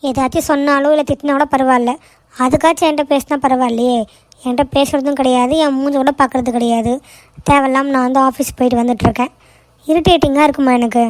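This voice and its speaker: A woman's voice: high voice, fairly even intonation, fast talker, no room sound, close to an everyday voice. A woman voicing a frustrated young daughter in a cartoon, complaining in an exasperated, argumentative way. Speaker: daughter working in an office. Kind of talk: cartoon voice acting.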